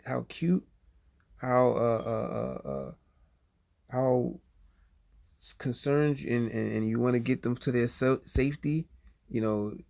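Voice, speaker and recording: A man speaking at a middle pitch with a gravelly, creaky edge to his voice. He talks straight to his viewers in a loose, rambling way, full of fillers and restarts, and keeps checking in with "you know what I'm saying?". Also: fairly even intonation, takes it slowly, long pauses, darkish tone. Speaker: livestreamer. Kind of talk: casual livestream monologue.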